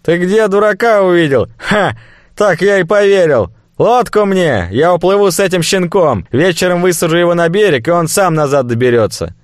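A man's voice: expressive, moderate pace, no room sound, clean studio sound. A man voicing a fat, panicky male slave trader who screeches threats while holding a hostage. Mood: frantic threatening. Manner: shrill, screeching, frantic.

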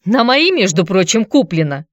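A woman's voice: sing-song, moderate pace, no echo, lightly acted. A woman voicing a quarrelsome, hard-drinking woman who answers in a snappish, sarcastic way. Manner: snappish, sarcastic, shrill when riled.

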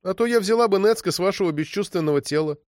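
A man's voice: quick pace, no echo, studio quality, close to an everyday voice. A man doing a stubborn ten-year-old girl. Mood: plaintive. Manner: high, pleading and insistent.

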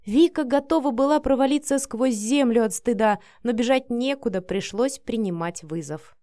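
A woman reads a novel aloud in a steady, measured manner. Her voice is fairly high, and the recording is dry and close to the mic with no room sound. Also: dry recording. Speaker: narrator. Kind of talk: audiobook narration.

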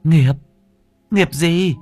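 A man voicing an old wife who fusses and scolds her husband with care, in a high nagging voice, in an audio story. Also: drawn-out words, darkish tone, soft background music. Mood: fussing. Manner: high-pitched nagging chatter. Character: old wife, fussy and scolding but caring.

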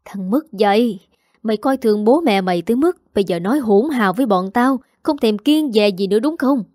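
A woman voicing an angry middle-aged father who lectures his son gruffly. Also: a little high, expressive, a little fast, darkish tone, dry recording, studio quality, natural voice.

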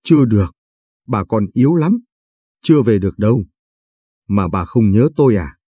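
A man reading the lines of a calm, kind female doctor who reassures her patient gently. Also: lowish voice, normal speed, slightly rough, dry recording. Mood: reassuring.

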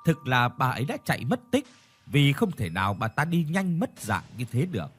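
A man reading a first-person ghost story aloud, in a slow, suspenseful way. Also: medium pitch, very animated, background noise. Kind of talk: scripted ghost story narration.

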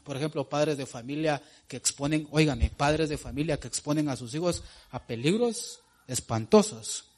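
Emphatic preacher man, slightly high voice. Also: normal speed, hardly any pauses. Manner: emphatic, repeats phrases and calls the listeners brother; pitch and loudness swing widely, dropping low then rising to excited cries. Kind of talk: sermon.

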